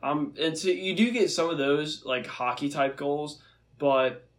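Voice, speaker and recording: A man's voice: on the high side, unhurried. A young man from the United States co-hosting a podcast in casual sports chat, talking in a chatty way with sarcastic, teasing asides. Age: young adult. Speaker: podcast co-host.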